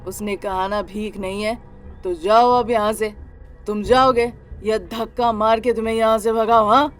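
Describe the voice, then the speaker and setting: An actor voicing a cruel, drunken husband who threatens slowly and menacingly in a cartoon story. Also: medium pitch, steady tone, soft background music, lightly acted. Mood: threatening. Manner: slow, menacing.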